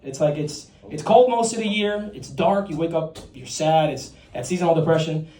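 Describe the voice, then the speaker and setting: A man's voice: a little high, moderate pace. A young man from Puerto Rico performing a stand-up set on a comedy club stage, chatty and self-deprecating and ribbing the crowd. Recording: roomy club recording from a distance with a loud crowd.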